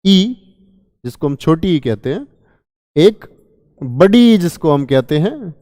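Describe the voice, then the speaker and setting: A man's voice: a little high, sing-song, slow pace, warm tone, dry recording, clean studio sound, in a large hall. A male teacher giving an exam-prep grammar lesson, asking his students questions and then answering them himself. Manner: calls listeners children. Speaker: Hindi teacher.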